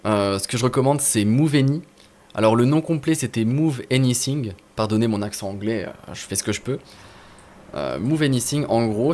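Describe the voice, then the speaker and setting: A man's voice: medium pitch, a little mellow, slight background noise. Chatty man with fillers. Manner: chatty, informal, many fillers and restarts. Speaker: gaming video host. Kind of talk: casual screen-share tutorial.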